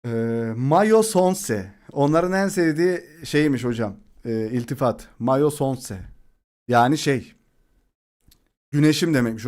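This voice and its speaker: A man's voice: mid-range voice, a little mellow. A young male streamer in casual chat with his audience. He jokes around and laughs often, and his voice sits in an ordinary middle range. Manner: joking, laughs often, chats with viewers. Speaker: live streamer.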